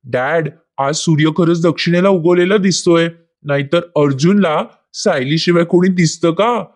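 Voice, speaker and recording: A woman's voice: fairly low pitch, moderate pace, a little mellow, close to an everyday voice. Teasing young sister, light and playful, voiced by a woman narrator.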